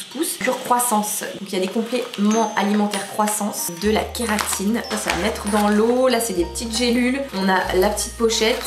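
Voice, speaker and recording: A talkative woman with a Northern French ch'ti accent rambles casually to her phone camera, joking at her own expense. Her voice sits in a middling pitch and rings a little in an echoey space. Soft music plays faintly behind her. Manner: chatty, spontaneous, self-mocking. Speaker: vlogger. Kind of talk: casual vlog chat. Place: outdoors in the sun, then indoors.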